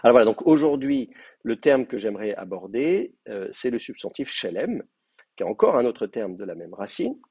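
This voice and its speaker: A man's voice: lowish voice, huge pitch swings, normal speed, creaky, dark tone, breathy edge, no echo, highs cut off. A man with a French accent giving a university lecture on biblical Hebrew, hesitant with many fillers and restarts. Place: classroom, also streamed to remote students.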